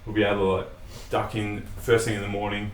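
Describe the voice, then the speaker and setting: Low-voiced Australian man recounting a trip. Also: quick pace. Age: young adult. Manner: relaxed storyteller, swears, hesitant fillers. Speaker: guest. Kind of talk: casual chat, storytelling. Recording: roomy sound, mic at a distance, faint hiss.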